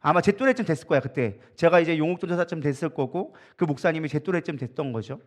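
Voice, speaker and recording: A man preaching as a pastor, telling stories with a joking, animated manner and acting out what others said. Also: a little high, fast talker. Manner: animated, joking storytelling with acted quotes. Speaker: co-lead pastor. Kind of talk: sermon at an evening prayer meeting. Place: church sanctuary.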